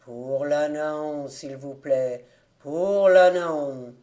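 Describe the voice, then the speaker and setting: A woman reads as a grim church beadle, a man who bellows his alms plea in a long, mournful drawl. The voice sits low and crawls, heavy and dark. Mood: lamenting. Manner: lamenting, drawn-out bellowing.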